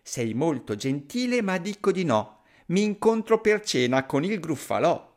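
A man voicing a clever, boastful little mouse in a storybook reading, quick and cheeky. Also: fairly high pitch, very animated, pitched above the performer's own voice.

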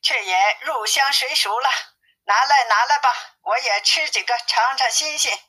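A greedy male pig monk who begs and wheedles in a storybook tale, as a woman narrator puts him on. His voice is fairly high and sharp. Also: moderate pace, rough recording. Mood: pleading. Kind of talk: audiobook story reading.

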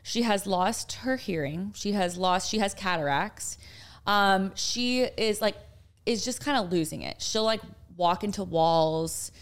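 A young woman co-hosting a podcast tells a story in chatty, casual conversation full of fillers. Her voice is mid-range and a little slow.

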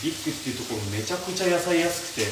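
Young male stream host, chatty, reads comments aloud; echoey kitchen, pan frying loudly. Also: on the high side, animated, rapid-fire, noisy background. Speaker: live-stream radio host. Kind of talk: casual chat while cooking. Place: home kitchen, indoors. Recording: roomy kitchen with loud frying sizzle.

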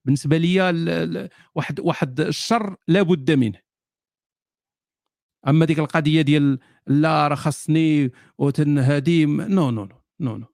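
A man's voice: a little high, moderate pace, gravelly, long pauses, a little mellow, no echo, studio quality. A man with a Moroccan accent hosting a casual live Q&A, answering viewer questions with jokes, sardonic asides and frequent laughter.

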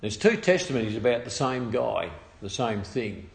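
An Australian man telling a personal testimony story in a halting way, with restarts and trailing phrases. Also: medium pitch, sing-song, gravelly, reverberant.

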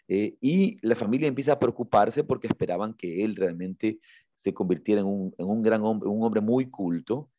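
Low-voiced man retelling a story haltingly. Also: dry recording, muffled recording. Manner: halting, repeats words, acts out quotes with raised pitch. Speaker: podcast co-host. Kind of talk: casual storytelling chat.

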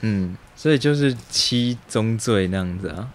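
Low-voiced easygoing host. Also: male voice, lively intonation, moderate pace. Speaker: podcast host. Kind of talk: casual chat.

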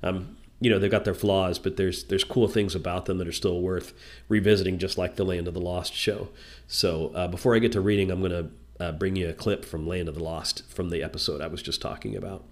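A man's voice: low voice, fairly even intonation, a little fast. A man hosting a casual solo talk, rambling and hesitant, congested with a stuffy nose from a cold. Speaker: podcast host. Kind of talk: casual solo talk about shows and books.

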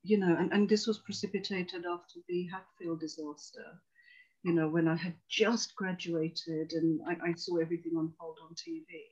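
A woman's voice: fairly low pitch, steady tone, moderate pace, darkish tone, dull audio. A woman in her forties, originally from Tanzania, working as a psychotherapist and telling her life story earnestly and reflectively as a guest on a video call. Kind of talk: personal storytelling in a conversation.

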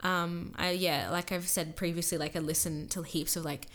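A woman's voice: lowish voice, steady tone, normal speed, fairly bright tone. A young woman co-hosting a podcast, chatting casually and rambling with lots of filler words. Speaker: podcast co-host. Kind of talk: casual chat.

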